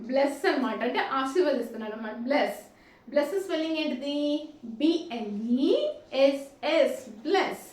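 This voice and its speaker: A woman teacher with a high, quick voice runs a children's phonics lesson. She asks each question and then answers it herself, spelling words slowly letter by letter. She sits back from the mic in an echoey room with faint background noise. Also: recorded from a distance. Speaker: play school teacher.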